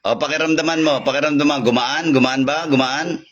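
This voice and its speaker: A Filipino faith healer leads a healing session over a call, repeating short commands in a chanting rhythm and reciting Latin prayers in a rapid drone. His voice sits on the high side with fairly even intonation. The sound is lo-fi with crowd noise.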